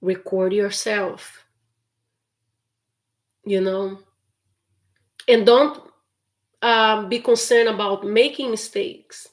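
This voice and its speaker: A native Portuguese speaker with a Brazilian accent, this English teacher answers questions in a live stream Q&A, chatty and encouraging and laughing often. Her medium-pitched voice has fairly even intonation, and she speaks very slowly with frequent pauses.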